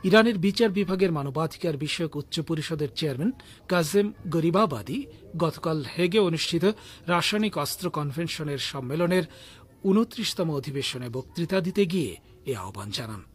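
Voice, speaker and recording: A man reading the radio news in a measured, formal delivery. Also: fairly high pitch, expressive, breathy edge. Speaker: news reader.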